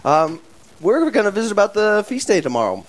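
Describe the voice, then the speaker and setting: A man hosts a radio interview and puts his questions to the guest. He stumbles and restarts as he asks them, and his voice sits a little high for a man. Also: big pitch swings. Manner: halting, stammering questions. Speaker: radio show host.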